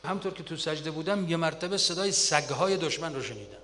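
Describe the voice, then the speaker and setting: A man's voice: fairly high pitch, lively intonation, a little hiss or hum. Earnest man preaching in a reverberant hall. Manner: earnest, emotional retelling of wartime stories with swelling loudness. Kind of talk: sermon-style storytelling.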